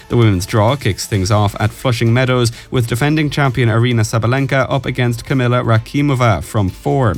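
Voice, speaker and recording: A man reading a scripted radio sports bulletin. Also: mid-range voice. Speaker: radio news and sports reader. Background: music.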